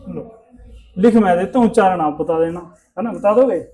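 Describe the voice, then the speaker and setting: A man teaches a Hindi class, his voice sitting noticeably high. He quizzes the students over and over and makes them repeat each sound. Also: brisk, dark tone. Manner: asks the class questions and drills pronunciation. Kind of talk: classroom lesson.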